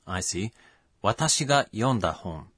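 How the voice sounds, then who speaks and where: A man's voice: lowish voice, big pitch swings, moderate pace, a bit bright, breathy edge, dry recording, studio quality. A man acting as learner co-host in a scripted language lesson, asking and confirming questions.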